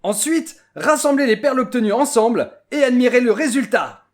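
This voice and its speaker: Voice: medium pitch, expressive, moderate pace, background noise, lightly acted. Un interprète qui prête sa voix à une joyeuse mascotte de laboratoire non humaine, à l'français, qui présente un jouet scientifique avec entrain. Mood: explaining. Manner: bubbly, exclamatory, instructional. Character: cheerful nonhuman lab mascot calling viewers humans. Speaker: toy demonstrator. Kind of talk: scripted toy presentation.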